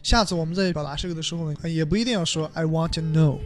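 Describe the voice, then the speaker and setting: A man's voice: on the high side, fast talker. A man hosting a podcast, casually explaining English words and phrases with example sentences, often checking in with his listeners. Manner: chatty, asks listeners "right?", switches between Chinese and English examples. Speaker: host of an English-learning music podcast.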